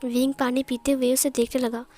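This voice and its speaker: High-voiced woman narrating a story. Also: level tone, a little fast, dark tone. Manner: casual, repetitive storytelling. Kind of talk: fan fiction story narration. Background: faint music.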